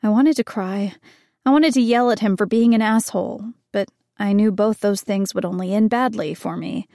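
A woman narrating a first-person audiobook in a soft, measured and emotional way. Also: mid-range voice, dry recording, clean studio sound.

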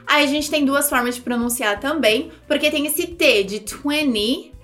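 A woman English teacher in a video lesson, lively and demonstrative, sounding out each word for her students. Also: sits high, measured pace, soft background music.

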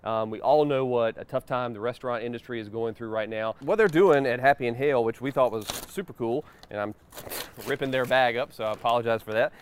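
A man's voice: medium pitch, a little fast, a little hiss or hum. A man hosting a casual interview show, recorded outdoors in a backyard.

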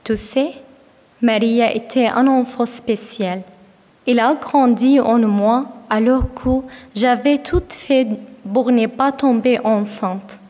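Woman from Syria, Arabic native, reads slowly, bright higher voice, reverb of a hall. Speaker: author reading her poem. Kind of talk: poetry and prose reading. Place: museum event space.

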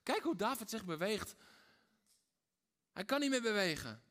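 A male pastor preaches with a voice pitched a little above most men's. He moves between quiet, intimate lines and loud, fervent ones, and he hammers his points home with repeated phrases. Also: big pitch swings, unhurried. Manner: dramatic, swings between hushed and loud. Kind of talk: sermon.

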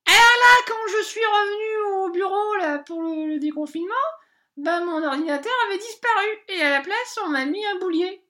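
Brief: a woman playing a hapless female bank adviser, very high bright voice, rambling and hesitant. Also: normal speed. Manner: rambling, hesitant, full of filler sounds. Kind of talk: comic character monologue.

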